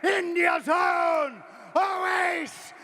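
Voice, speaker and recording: A man announcing fighters in a loud, drawn-out ring announcer's delivery in a fight arena. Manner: booming, drawn-out shouted announcing. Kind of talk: fight introductions. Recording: arena with crowd and noise.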